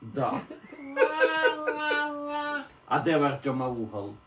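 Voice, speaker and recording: Speaking slowly in a mid-range, fairly bright voice, this parent talks casually with a toddler in the home kitchen, patiently walking the little one through a task. It's recorded in an echoey room from a distant mic with faint noise.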